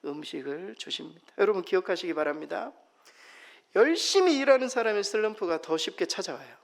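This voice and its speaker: A man preaching a Sunday sermon as pastor, emphatic, moving between loud exclamations and soft near-whispers. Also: sits high, expressive, a little fast, vocal fry. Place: church sanctuary. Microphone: microphone.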